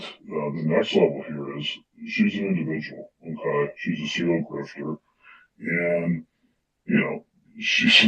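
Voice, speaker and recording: An anonymous caller on a livestream roundtable, talking through a voice changer that shifts the voice very deep, in a conspiratorial way with many fillers. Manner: conspiratorial, hesitant with many fillers, spells out account names. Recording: dull lo-fi call audio, distant and roomy.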